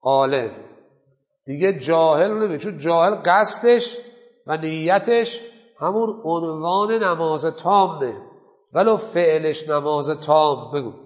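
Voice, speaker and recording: A man's voice: a little high, long reverb tail, highs cut off. A man teaching a seminary class on jurisprudence. He asks his students questions and then answers them himself. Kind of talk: Islamic jurisprudence class lecture.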